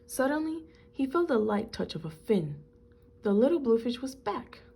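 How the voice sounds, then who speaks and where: A woman reading a picture book aloud to children in an expressive, teacherly way, explaining things simply. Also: fairly high pitch, normal speed, vocal fry, husky.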